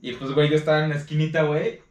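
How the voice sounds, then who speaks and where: A young man with a Mexican accent and a fairly high voice tells a story in slangy, animated chat, breaking into laughter. He sits a bit back from the mic in a roomy, echoing space. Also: rapid-fire, distant mic. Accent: Mexican Spanish.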